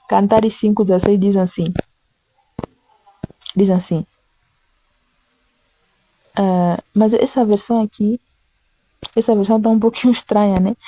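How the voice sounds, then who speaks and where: Earnest woman preaching in a mellow voice. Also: medium pitch. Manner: earnest, repeats phrases, slows to read scripture softly. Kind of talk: informal devotional teaching.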